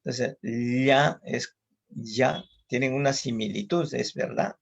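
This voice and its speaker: A man with a Peruvian accent giving a slow, deliberate lecture, listing example words and often adding a questioning "no?". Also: mid-range voice. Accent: Peruvian Spanish. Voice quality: gravelly, husky. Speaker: psychologist giving a conference talk. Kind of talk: online lecture. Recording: muffled lo-fi audio.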